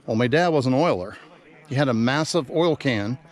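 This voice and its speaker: A man's voice: mid-range voice, animated, normal speed. A man narrating a casual travel vlog outdoors, talking eagerly as he walks and points things out, with outdoor sound behind him. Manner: chatty, enthusiastic tour-guide talk. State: out of breath while climbing. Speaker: vlogger. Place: outdoors at a railroad overlook.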